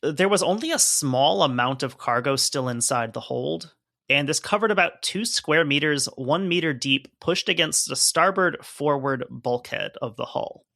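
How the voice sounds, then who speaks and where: A man co-hosts a podcast, reading from a report and chatting conversationally, hedging with lots of fillers as he explains. His voice is fairly high, gravelly and sharp, recorded at studio quality with no room sound.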